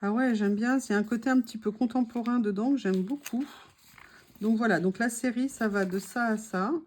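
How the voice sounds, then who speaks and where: A woman chatting casually to her viewers while unboxing craft supplies, gushing softly and adding small asides. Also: a little high, moderate pace. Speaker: craft vlogger.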